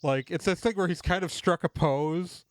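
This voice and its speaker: A man's voice: high voice, moderate pace. Rambling male game master. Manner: rambling, full of "like" and restarts. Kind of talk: narrating a tabletop game.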